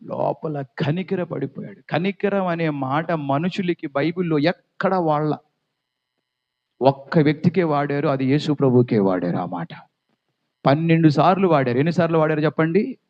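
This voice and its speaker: A man preaching with a high voice, swinging between loud fervent appeals and hushed tender passages. The sound is dull and lo-fi. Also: lively intonation, normal speed. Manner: fervent preaching, calls for congregation responses. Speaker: pastor. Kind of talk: sermon.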